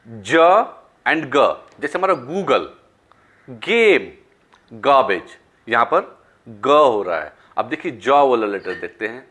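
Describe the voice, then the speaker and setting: A man teaching phonics, mixing English words into his talk and stretching out example words with loud, high stresses. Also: breathy edge. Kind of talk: phonics lesson.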